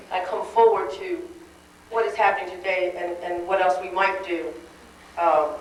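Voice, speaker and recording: A woman giving a wry, conversational dinner speech, heard on a worn VHS tape copy. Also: on the low side. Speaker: dinner speaker. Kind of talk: public speech. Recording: hissy worn tape, echoey hall from far off.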